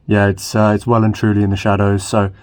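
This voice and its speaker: A man's voice: fairly low pitch, monotone, a little fast, darkish tone, dry recording. A man hosting a casual car repair vlog, chatting and thinking aloud with dry asides as he works in a garage. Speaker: car repair channel host.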